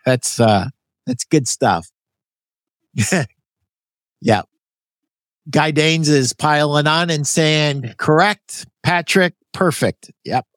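A Canadian man in his sixties, host of an interview podcast, reads from his own book, drifting into loose, folksy asides and correcting himself along the way. His mid-range voice is a bit bright, recorded with no echo.

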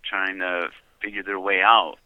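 A man's voice: sits low, flat delivery, unhurried, no room sound. A man calling on a prison phone line, telling his story in a reflective way and often asking if he's understood. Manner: reflective storytelling, often asks "you know what I mean?". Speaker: incarcerated caller. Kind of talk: casual chat.

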